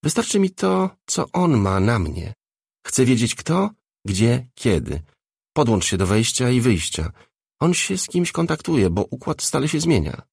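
A man's voice: medium pitch, sing-song, unhurried, vocal fry, slightly rough, dry recording, clean studio sound, voice pushed up, heavily acted. A man voicing a tough, mocking, streetwise woman in a storybook reading, blunt and needling. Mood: brusque.

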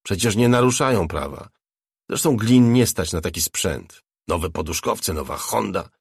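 A man's voice: low voice, animated, moderate pace, creaky, husky, no room sound, clean studio sound, exaggerated voice. A man voicing a battered young male biker, curt and cocky, in an audiobook reading. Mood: defiant.

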